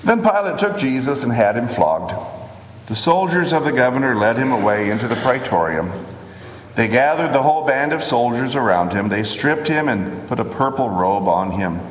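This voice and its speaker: A man's voice: medium pitch, slight background noise. Man reading scripture in an echoing hall. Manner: measured, expressive reading. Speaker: scripture reader. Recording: echoey hall with long reverb.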